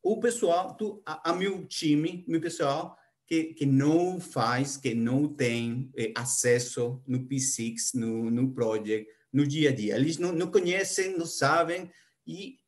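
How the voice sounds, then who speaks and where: A middle-aged native Spanish speaker with a Spanish accent gives a conference presentation in Portuguese as a project planner. His voice sits on the high side, and he halts often, restarting sentences and leaning on fillers.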